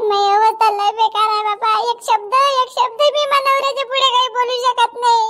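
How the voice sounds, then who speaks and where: A woman's voice: very high-pitched, sharp tone. A woman playing a distraught village wife who pleads with the police in a wailing, repeating manner. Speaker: complainant at police station. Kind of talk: comedy skit acting.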